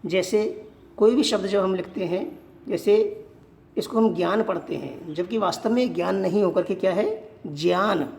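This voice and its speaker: Gravelly-voiced teacher explaining step by step. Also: medium pitch, darkish tone. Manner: poses questions and answers them, slow and repetitive. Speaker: Sanskrit grammar teacher. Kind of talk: classroom-style grammar lesson.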